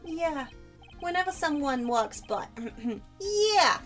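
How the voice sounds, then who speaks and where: A woman voicing a gruff, blustering male police detective who keeps calling people pal, over faint music. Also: sits high, sing-song, slow, pitched above the performer's own voice, exaggerated voice. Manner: brash, says "pal" a lot.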